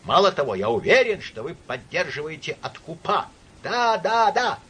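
A man voicing a furious, drunk young newspaper writer who shouts accusations, with a husky voice. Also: on the high side, big pitch swings, moderate pace, pitched above the performer's own voice, exaggerated voice.

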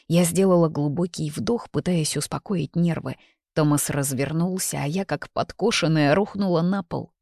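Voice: medium pitch, creaky, a little mellow, no room sound, clean studio sound. An audiobook narrator telling a romance novel in the first person, in an intimate, emotional way.

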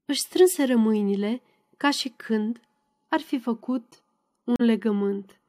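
A woman narrating a novel as an audiobook in a measured, even reading. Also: fairly high pitch.

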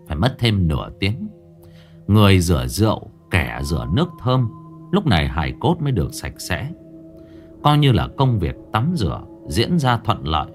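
A man narrating a ghost story in a dramatic, vividly expressive style. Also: deep voice.

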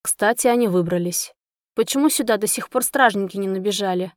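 A woman's voice: medium pitch, brisk, dry recording, clean studio sound, natural voice. A woman voicing a brash, sardonic young friend who teases and pushes in an audiobook. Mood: chatty. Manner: wry, teasing, pushy.

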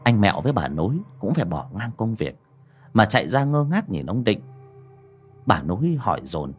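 A man with a husky, breathy voice narrates a horror story, his pitch rising and falling with lively drama. Faint music plays behind him. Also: normal speed. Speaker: audiobook narrator.

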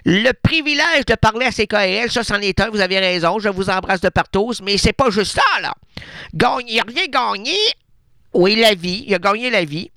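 A man's voice: high-pitched, expressive, normal speed, gravelly, bright, forceful tone, no room sound, heavily acted. Man doing a fussy Québécois pianist. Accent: Québécois French. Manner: fussy, rambling, self-important. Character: fussy soft-spoken male pianist with a big ego complex. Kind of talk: radio comedy sketch.

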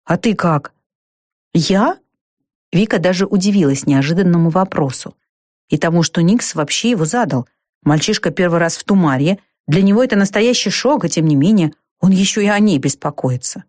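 Low-voiced woman narrating a storybook. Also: fairly quick, dry recording, clean studio sound. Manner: steady, even reading with lifted voices for characters. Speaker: audiobook narrator.

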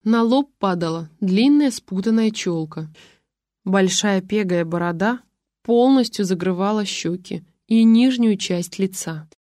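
A woman narrating a first-person story aloud in a lively storytelling manner. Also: medium pitch, measured pace, no room sound, clean studio sound.

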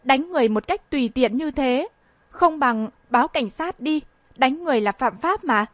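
A woman's voice: sits high, animated, normal speed, dry recording. A woman voicing an indignant young nurse.

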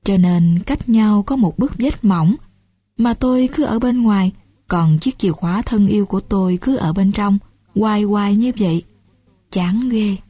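A woman calmly reading a first-person novel aloud as an audiobook narrator. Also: mid-range voice, normal speed, slightly rough, no room sound.

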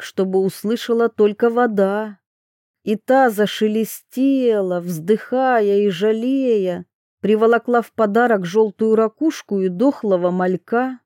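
A woman narrating a literary audiobook in a measured, intimate way. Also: medium pitch, warm tone, dry recording, studio quality.

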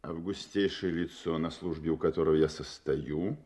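A man's voice: extremely low pitch, steady tone, normal speed, mellow. An actor playing a proud, imperious king in a Russian audio play, stately, formal and commanding. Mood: haughty, guarded. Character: proud, imperious masked king posing as a count.

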